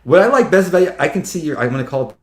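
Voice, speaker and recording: A man telling stories in casual chat, animated, acting out what others said and laughing often. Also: fairly high pitch, very fast, echoey room. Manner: animated, acts out quoted voices, laughs often. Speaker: actor guest.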